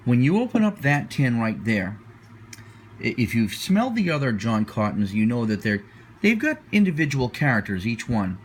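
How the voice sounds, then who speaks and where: Man giving a casual review over background noise. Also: mid-range voice. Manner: hesitant, searching for words, repeating himself. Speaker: pipe tobacco reviewer. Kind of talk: casual unscripted product review.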